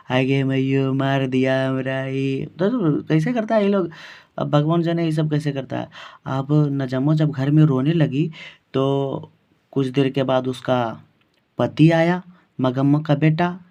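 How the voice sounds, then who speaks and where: A man's voice: medium pitch, mellow. A male teacher with a Bihari Hindi accent giving an exam-focused lesson, repeating questions and answers for the class. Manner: repetitive, quizzing the class. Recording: dull lo-fi recording.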